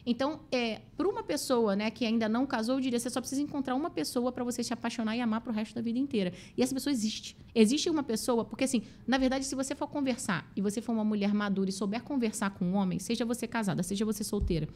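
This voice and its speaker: A woman with a Brazilian Portuguese accent, speaking as a guest expert in an emphatic, animated conversational way. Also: a little high, a little hiss or hum. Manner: emphatic, quick, acts out quoted voices.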